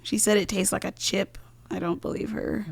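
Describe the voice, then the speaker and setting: A woman co-hosting a casual podcast, soft-spoken and never raising her voice. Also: medium pitch, fairly even intonation, normal speed, gravelly, breathy edge. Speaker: podcast co-host.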